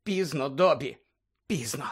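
A man's voice: high voice, animated, brisk, fairly bright tone, pitched above the performer's own voice. A man voicing an anxious teenage schoolboy wizard, strained and breathless in his speech. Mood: hopeless. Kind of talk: audiobook character voice.

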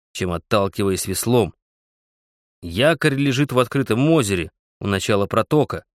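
A man doing a shrewd old trapper, low and lecturing. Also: no echo, clean studio sound, close to an everyday voice. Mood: explaining. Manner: lecturing, explains at length. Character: shrewd old male trapper, fussy and cautious.

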